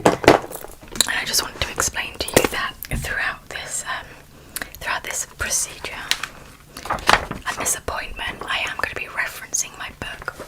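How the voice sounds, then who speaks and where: A woman whispers very close to the microphone, soft and breathy, in a slow, gentle ASMR role-play. Her tone stays calm and reassuring, with no full voice at all. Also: poor audio. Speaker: ASMR creator.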